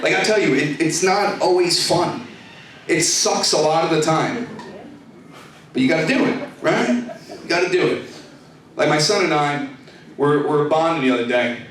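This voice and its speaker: A man's voice: a little high, normal speed, pauses often, a bit bright, a little hiss or hum. A man in his thirties doing a profane stand-up comedy set, working the crowd in a comedy club. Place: comedy club stage with laughing audience. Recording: echoey club, distant mic, crowd laughter.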